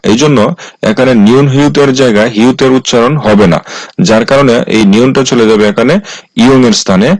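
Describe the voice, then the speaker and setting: A man teaches a language lesson at a mid pitch, going through each rule slowly and saying it again in new words. His voice is close and dry, with no room sound around it. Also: no room sound, poor audio. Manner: slow and repetitive, restating each rule. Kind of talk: explaining rules in a lesson.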